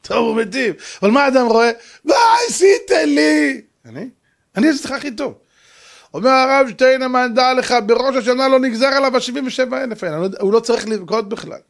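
A middle-aged man, a rabbi, preaching a sermon through a story, swinging from hushed narration to shouts. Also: very high-pitched, vocal fry.

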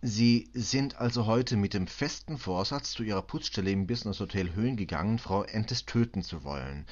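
A man voicing a calm, patient male police detective who speaks steadily and reassuringly. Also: lowish voice, normal speed, muffled recording, natural voice. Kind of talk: audiobook reading.

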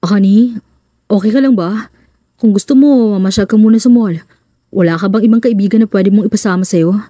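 A woman voicing a protective, wealthy young husband who speaks firmly and a bit lower, in an audiobook. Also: brisk, warm tone, dry recording, studio quality, close to an everyday voice. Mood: gentle. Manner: firm, commanding.

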